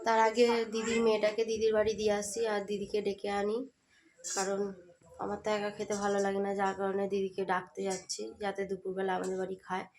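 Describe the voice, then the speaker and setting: A woman's voice: medium pitch, monotone, quick pace. A young woman chatting casually to her viewers in a daily home vlog, filming herself with a handheld phone. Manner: chatty, addresses viewers as friends; speaks softly so passers-by won't stare. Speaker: vlogger. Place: family home in a semi-rural village. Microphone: handheld phone camera.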